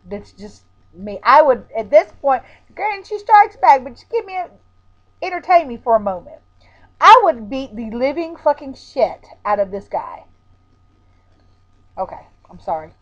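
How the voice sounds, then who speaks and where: High-voiced woman, dull lo-fi recording. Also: sing-song, a little slow. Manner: informal, blunt, opinionated. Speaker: video host performing a reading of song lyrics. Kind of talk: dramatic spoken reading with casual asides.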